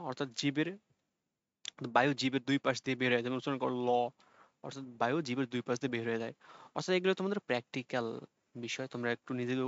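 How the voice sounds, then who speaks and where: Guy teaching online class, says each sound slow so you copy it, dry dull lo-fi sound. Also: medium pitch, dry recording. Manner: explains patiently, repeats sounds slowly for students to copy. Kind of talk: online exam-prep lesson.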